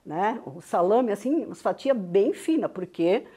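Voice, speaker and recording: A business founder from southern Brazil, specifically Rio Grande do Sul, is a guest on an interview show, telling her story with frequent tag questions. She is older, learned Venetian Italian first, and her Brazilian Portuguese carries a heavy Italian-Venetian accent. She talks a little slowly in an expressive, mellow, medium-pitched voice with a breathy edge.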